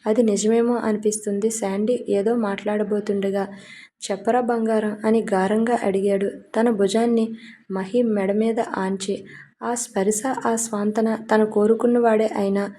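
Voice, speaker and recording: A woman storyteller narrating an audio drama story in a steady, even reading. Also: mid-range voice, unhurried.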